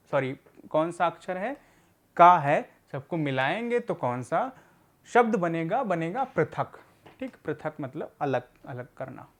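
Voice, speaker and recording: A man gives a slow, patient reading lesson to adult learners. He sounds out each word syllable by syllable, then puts the syllables together. He asks questions and answers them himself, often checking in with his listeners. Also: on the high side. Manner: often checks in with "theek hai". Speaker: adult literacy teacher.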